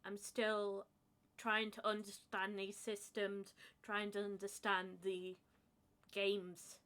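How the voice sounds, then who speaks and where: This is a woman in casual podcast chat, taking her time with a slow and unhurried delivery. She hesitates a lot, fills gaps with ums and breaks into light laughter. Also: mid-range voice, monotone, fairly bright tone. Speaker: podcast co-host.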